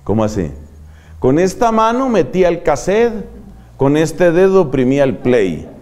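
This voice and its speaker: An older man, a friar preaching a sermon in an animated, dramatic way that acts out examples. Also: a little high, unhurried. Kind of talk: sermon to religious.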